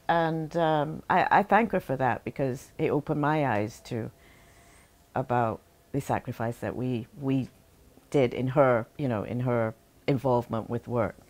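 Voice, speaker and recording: Low-voiced Barbadian woman reminiscing. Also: darkish tone. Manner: halting and heartfelt, many pauses and restarts. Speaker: interviewee, daughter remembering her late mother. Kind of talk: reflective interview talk.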